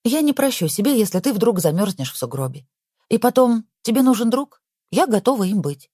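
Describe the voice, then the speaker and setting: A male narrator voicing a caring young woman who speaks softly and gently. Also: high-pitched, big pitch swings, brisk, slightly rough, no room sound, clean studio sound, pitched above the performer's own voice, heavily acted. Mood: gentle. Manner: soft, pleading.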